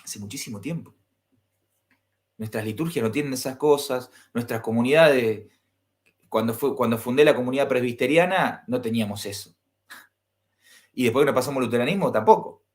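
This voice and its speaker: A man with an Argentine accent speaks as a pastor recounting an experience of his own. His delivery is animated, and he acts out each exchange. He keeps turning to his listeners with questions. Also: medium pitch, fairly quick, pauses often. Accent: Argentine Spanish. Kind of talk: personal storytelling to an audience.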